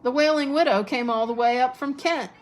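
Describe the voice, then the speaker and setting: A woman reading aloud and voicing a proud, touchy gentleman ghost who talks in a stiff, formal way. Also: high-pitched, brisk, voice pushed up, close to an everyday voice.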